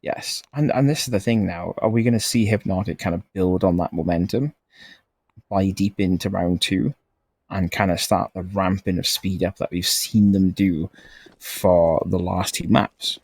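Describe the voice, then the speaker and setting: A man giving relaxed, rambling live commentary on a competitive game as a caster, laughing often. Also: low-pitched, normal speed, no echo. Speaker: esports caster.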